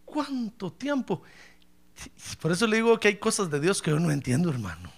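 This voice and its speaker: Male pastor, jokey sermon delivery, gravelly and very animated. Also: high-pitched, moderate pace. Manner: humorous, acts out dialogues, addresses listener as brother.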